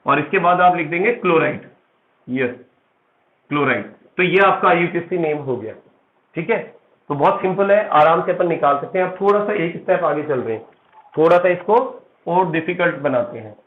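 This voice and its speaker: Guy teaching a chemistry class step by step, slightly high voice, keeps checking students follow along, echoey room. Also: moderate pace. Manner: explains step by step with frequent "theek hai" check-ins; addresses students as "beta". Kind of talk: classroom lecture. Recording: echoey room, tinny phone-like sound.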